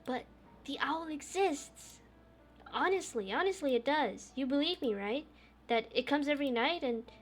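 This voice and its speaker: A woman's voice: high voice, animated, moderate pace, faint music behind, voice pushed up. A woman voicing a small, anxious little sister who pleads and insists in a raised, childlike voice. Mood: scared.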